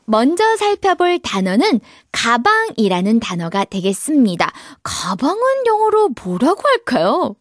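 A woman teaching children English, coaxing them to repeat words and drilling phrases slowly. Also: a little high, very animated, no room sound, clean studio sound. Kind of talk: kids' English lesson.

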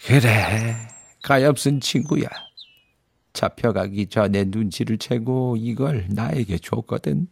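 A man's voice: medium pitch, gravelly, slightly rough, pitched above the performer's own voice, exaggerated voice. A man voicing a kindly, watchful male beaver in a storybook, with a secretive, folksy way of talking. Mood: sorrowful, earnest. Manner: secretive, folksy beaver talk, hushed at moments. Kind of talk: storybook character voice.

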